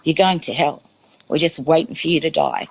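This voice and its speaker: A woman's voice: low voice, fairly even intonation, brisk, creaky, low-quality recording. A woman doing sneering demonic nurses. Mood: taunting. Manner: taunting, sneering. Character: two mocking demonic women posing as nurses.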